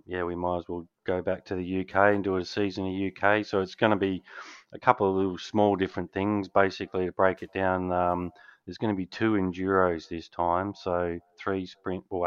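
A man's voice: deep voice, a bit bright, smooth, dry recording. An Australian man chatting casually and colloquially as a laid-back guest organiser on a racing podcast. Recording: muffled, lo-fi voice channel.

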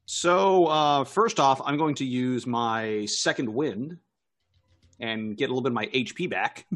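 A man's voice: mid-range voice, unhurried, fairly bright tone. A man playing a tabletop game, joking, swearing and laughing a lot as he talks. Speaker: player. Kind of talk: casual game chat.

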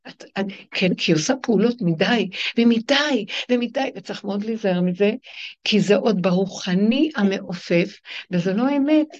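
A woman religious teacher giving a spiritual lecture to her class. She retells stories emphatically, acting out the people in them. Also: darkish tone. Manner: emphatic, acts out the people in her stories with sudden high swings. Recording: dull lo-fi recording.

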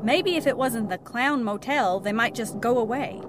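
Behind her is clear background noise as a woman plays an indignant motel guest in a horror-comedy audio drama. Her voice is high, and her manner is prim, skeptical and exasperated. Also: moderate pace, natural voice. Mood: uneasy, skeptical. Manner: prim, exasperated, sharp-tongued.

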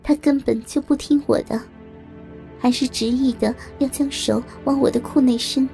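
A woman telling a first-person story in calm, steady narration. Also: sits high, moderate pace, gravelly, faint music behind.

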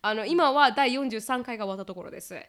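A woman's voice: fairly high pitch, quick pace, fairly bright tone, smooth. A woman co-hosting a podcast in casual chat, listening closely with short replies and reading out a listener's letter. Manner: attentive, frequent short backchannels. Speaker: podcast co-host.

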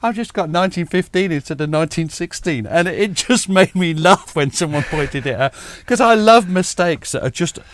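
Speaking as a video-call guest, this middle-aged military historian sits high in pitch, keeps a normal speed, and hardly pauses. He's lively and pokes fun at himself, chuckling frequently and starting his sentences over.

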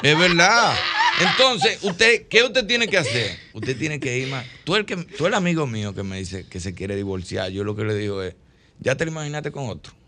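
Dominican guy co-hosting radio, bright voice, jokey advice, talking in the studio. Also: medium pitch, very animated, moderate pace, a little hiss or hum. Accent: Dominican Spanish. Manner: joking, advice-giving banter. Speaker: radio show co-host. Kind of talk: casual radio banter.

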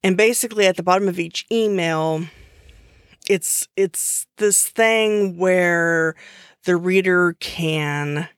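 Slow-talking woman hosting a podcast. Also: fairly low pitch, steady tone, clean tone, dry recording, studio quality. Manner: chatty, restarts often, uses fillers. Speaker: podcast host. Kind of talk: casual solo podcast explainer.

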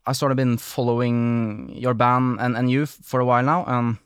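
Smooth-voiced man hosting a chat. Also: mid-range voice, level tone, moderate pace, dry recording, clean studio sound. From Norway. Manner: rambling, apologetic, many fillers. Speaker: podcast host. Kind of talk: casual interview chat.

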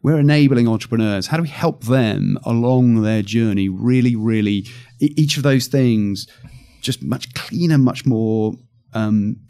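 A man's voice: mid-range voice, measured pace, mellow. A man, an accelerator executive, talking through his ideas in a casual interview with frequent restarts and fillers. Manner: thoughtful, with many restarts and fillers.

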